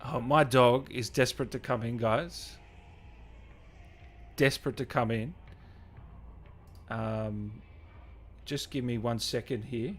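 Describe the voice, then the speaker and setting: Speaking slowly with long pauses, this man has a mid-range voice and fairly even intonation. He's a livestream host and gaming interviewer who casually answers viewer comments, frequently repeating his phrases.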